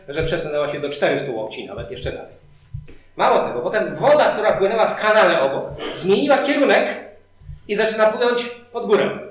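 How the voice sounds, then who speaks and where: A male preacher giving a sermon, telling stories animatedly and building up emphasis. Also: sits high. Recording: very echoey hall.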